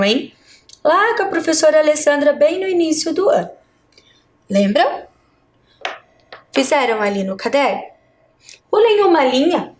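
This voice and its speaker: A woman primary school teacher with a Brazilian Portuguese accent, giving a video lesson to children, patiently breaking words into syllables and checking in often. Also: high voice.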